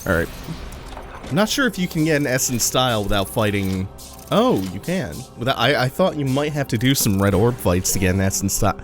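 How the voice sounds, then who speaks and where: A man's voice: medium pitch, very animated, brisk, faint music behind. A man giving casual, laid-back gameplay commentary, explaining things as he plays. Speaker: let's play commentator.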